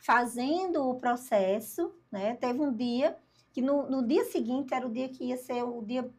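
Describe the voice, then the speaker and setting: An older woman, a podcast guest telling her story in a lively way and acting out the dialogue. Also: fairly high pitch, unhurried, husky. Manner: lively storyteller, acts out dialogue, laughs at herself.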